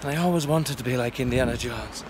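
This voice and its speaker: A man's voice: medium pitch, quick pace, background noise. A man narrating his mountain trek vlog in a casual, rambling, self-deprecating way, recorded outdoors on a handheld camera. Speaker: trekking vlogger.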